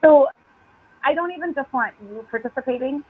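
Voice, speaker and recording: A woman's voice: sits high, brisk. Tinny phone-line woman leading a team call. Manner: earnest, blunt, upbeat urging. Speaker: team leader hosting a meeting call. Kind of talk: encouraging team talk.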